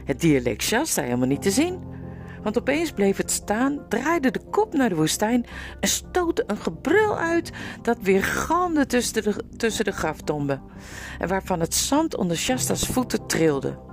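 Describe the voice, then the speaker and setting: A woman's voice: medium pitch, wildly swooping pitch, a little slow, soft background music. A woman narrating a storybook expressively, with vivid storytelling. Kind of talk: storybook reading.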